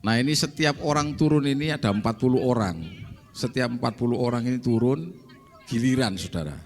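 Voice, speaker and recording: A man's voice: mid-range voice, fairly quick. A male pastor giving a conversational testimony sermon in a church service, often addressing the congregation directly.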